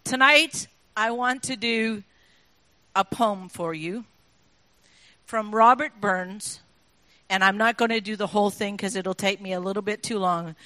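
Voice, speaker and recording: A woman's voice: mid-range voice, bright, forceful tone, no room sound, rough recording. A woman giving an informal, chatty talk to listeners, explaining things and often putting questions to them. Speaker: speaker addressing an audience. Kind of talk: informal talk explaining sayings, with recited examples.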